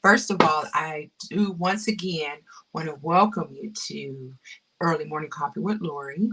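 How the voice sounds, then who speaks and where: A woman's voice: deep voice, unhurried, pushed and bright, recorded from a distance, a little hiss or hum. A woman hosting a casual crafting livestream, effusive and heartfelt, repeating her phrases and dropping to a whisper at times. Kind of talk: casual live-stream chat.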